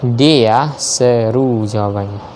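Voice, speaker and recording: A man slowly reading multiple-choice quiz questions aloud and confirming each answer. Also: mid-range voice, a little mellow, soft background music. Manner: measured, spells out each option, confirms answers with "ya".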